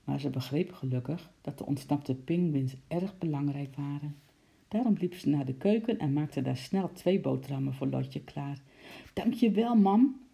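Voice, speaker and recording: Low-voiced woman reading a children's story. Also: moderate pace, gravelly, warm tone. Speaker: narrator.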